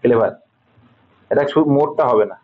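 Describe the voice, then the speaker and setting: A man's voice: medium pitch, fairly quick. A man with a Bengali accent teaching an English grammar lesson, patiently repeating points and checking that students understand. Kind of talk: classroom lesson, explaining sentence corrections. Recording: dull lo-fi sound.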